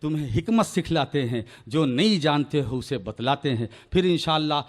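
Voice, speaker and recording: A man preaching a religious sermon at a shrine gathering. He moves between hushed storytelling and shouted climaxes, and he repeats key phrases for emphasis. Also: a little high, expressive, moderate pace.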